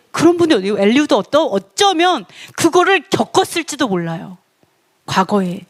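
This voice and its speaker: High-voiced woman preaching animatedly. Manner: animated, acts out quotes with pitch jumps; laughs often, conversational asides to the congregation. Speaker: pastor. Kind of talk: sermon.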